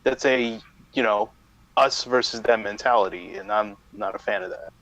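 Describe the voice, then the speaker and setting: A man co-hosting a gaming podcast, giving his opinion in a measured, hesitant way. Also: lowish voice, fairly bright tone. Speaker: podcast co-host. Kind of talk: casual chat. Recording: dull, dry lo-fi mic.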